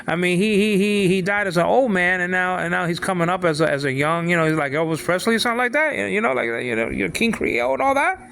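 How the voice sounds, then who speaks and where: A man of sixty giving an informal talk on faith, halting and repeating himself, often asking if the listener follows. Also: high voice, vocal fry, fairly bright tone, slight background noise. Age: 60s. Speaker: father speaking on faith.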